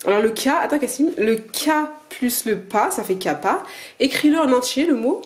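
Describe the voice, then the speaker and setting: A woman's voice: fairly high pitch, animated, normal speed. A mother teaching her children at home and explaining the method to the camera in a hesitant, casual way full of filler sounds. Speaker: homeschooling mother.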